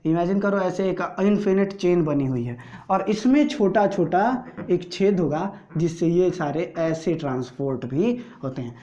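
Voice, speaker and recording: A male teacher with an Indian accent, giving a slow board lesson to school students and checking often that they follow. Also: high voice, expressive, mellow, highs cut off. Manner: explains slowly, drawing as he speaks, keeps checking understanding.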